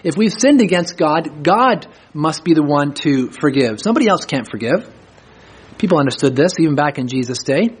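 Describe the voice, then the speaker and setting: With a fairly high, expressive, husky voice, a male pastor delivers a sermon, first reading scripture aloud at a slow pace and then unpacking it in everyday conversational talk.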